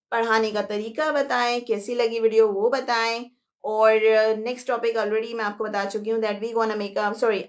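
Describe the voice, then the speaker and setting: Teaching live online, a young woman from Pakistan breaks her explanations into clear steps and alternates between English and Hindi-Urdu. She has a high voice and an unhurried delivery.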